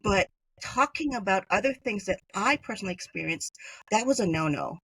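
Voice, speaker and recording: A woman's voice: mid-range voice, expressive, a little fast, fairly bright tone, husky. A middle-aged woman from Hawaii, a podcast guest chatting through personal stories with many fillers. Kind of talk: conversational storytelling interview.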